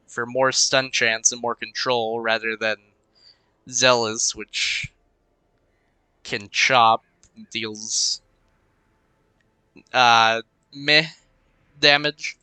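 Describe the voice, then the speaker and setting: Rambling and muttering through his choices, a young man gives casual let's-play commentary in a slightly congested, medium-pitched, sharp yet smooth voice. He speaks slowly and pauses often. The audio, from a cheap desk mic, is poor but has no room sound.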